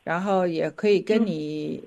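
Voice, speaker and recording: Gently prompting female counselor. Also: on the low side, unhurried, vocal fry. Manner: gentle, asks short questions, prompting. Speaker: church counselor interviewing. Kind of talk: pastoral conversation.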